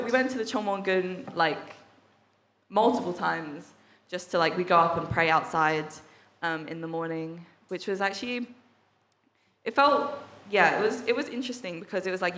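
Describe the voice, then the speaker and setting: A woman's voice: on the low side, moderate pace, a bit bright. Chatty young woman in an echoey hall. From England. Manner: chatty, laughing, many fillers. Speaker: workshop participant sharing testimony. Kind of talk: casual testimony with slides. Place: church service hall.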